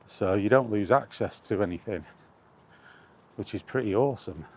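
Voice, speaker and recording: This vlogger chats in a meandering, hesitant fashion as he walks and records outdoors, regularly correcting himself. His voice is fairly low and a little mellow, at a normal speed.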